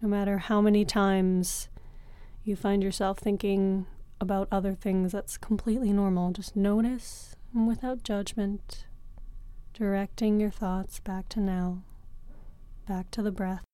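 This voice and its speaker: Slow, soft-spoken woman guiding meditation. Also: mid-range voice, level tone, clear, resonant tone, no echo. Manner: slow, soft and soothing, with long pauses. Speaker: yoga and meditation teacher. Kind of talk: guided breathing meditation.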